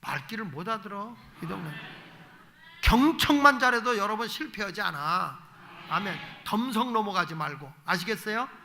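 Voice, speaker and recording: A man's voice: sits high, expressive, normal speed, pushed and bright, slight background noise. A middle-aged male pastor giving an evening sermon in a folksy way, acting out little dialogues as he preaches.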